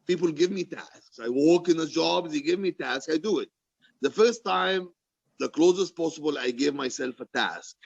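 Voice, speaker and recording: An author and poet fields audience questions in an animated, candid book-reading discussion, speaking passionately about his own writing and often repeating himself for emphasis. His mid-range voice is creaky, and the recording is dry and muffled.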